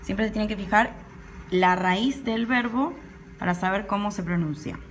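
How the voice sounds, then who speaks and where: A woman's voice: medium pitch, a little hiss or hum. A woman English teacher, patiently explaining a pronunciation rule and often checking in with her students. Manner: patient, repeats words slowly and checks in with students. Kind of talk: classroom lesson explaining pronunciation.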